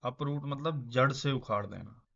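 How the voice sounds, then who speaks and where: A man with an Indian English accent teaching vocabulary in a casual style, explaining slowly, repeating words and chuckling now and then. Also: mid-range voice, vocal fry, sharp tone. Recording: dull lo-fi sound.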